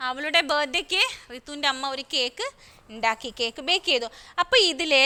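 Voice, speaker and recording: A woman teacher with a Kerala accent giving a recorded class to young children, reading English slowly and explaining in quick asides, asking questions and answering them herself. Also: very high-pitched, pushed and bright. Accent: Kerala Indian English. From Kerala, India. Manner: slow careful English, quick Malayalam asides, asks and answers own questions.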